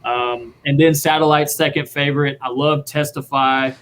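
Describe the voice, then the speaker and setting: A man, a guest drummer, telling a story in a casual, excited, rambling way. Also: medium pitch, normal speed. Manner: excited, rambling, acts out quotes.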